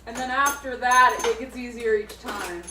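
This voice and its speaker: A woman's voice: on the high side, moderate pace, heavy background noise. Chatty woman cooking, roomy and distant. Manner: chatty, upbeat, laughing asides. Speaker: co-host. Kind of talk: casual chat while cooking. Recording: echoey room, mic far off.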